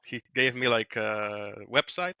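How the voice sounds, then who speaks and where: A man's voice: medium pitch, measured pace, clean tone, no echo, highs cut off. A man in his twenties from Slovenia with a Slovenian accent, telling stories as a guest in a casual interview over a headset video call. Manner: relaxed, laughs often, trails off mid-sentence. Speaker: guest, wilderness guide. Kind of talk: casual storytelling. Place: small room at home. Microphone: headset mic on a video call.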